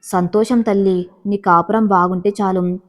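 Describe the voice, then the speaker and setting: Woman reading as a worried middle-aged mom in a story, soft and caring, middle pitch. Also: fairly even intonation, measured pace, lightly acted. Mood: gentle. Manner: worried, gentle.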